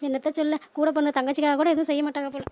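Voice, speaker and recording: A woman's voice: high voice, level tone, racing, mellow, slight background noise, lightly acted. A woman voicing a desperate sister who pleads for help, in a cartoon drama. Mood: pleading.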